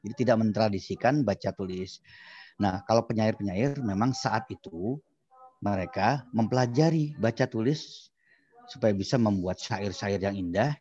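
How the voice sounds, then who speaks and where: Male teacher, lower register, animated storyteller, muffled lo-fi class recording. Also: normal speed. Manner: animated storyteller acting out dialogue. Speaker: Islamic studies teacher. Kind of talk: storytelling lecture.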